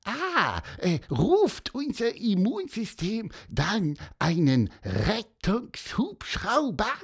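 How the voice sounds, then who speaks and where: A woman's voice: medium pitch, wildly swooping pitch, very slow, creaky, husky, heavily acted. A woman voicing a sick, curious young male bird with a stuffy nose in a children's story, asking skeptical questions. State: stuffy-nosed, sneezing.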